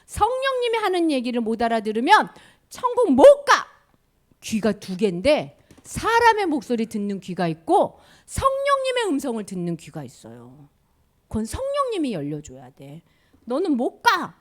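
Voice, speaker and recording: A woman telling a Bible story to children in an animated way, often asking them questions. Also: sits high, moderate pace.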